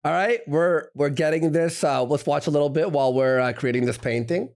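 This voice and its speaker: A man's voice: a little high, a little fast, darkish tone. A man streaming and chatting casually, rambling and restarting his sentences.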